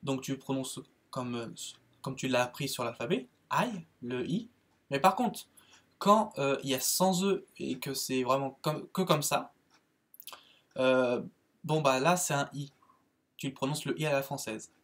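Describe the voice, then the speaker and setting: A French man with a French accent giving a casual spoken lesson on English verbs, halting, with many fillers and restarts. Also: medium pitch, fairly bright tone. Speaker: English teacher, channel host.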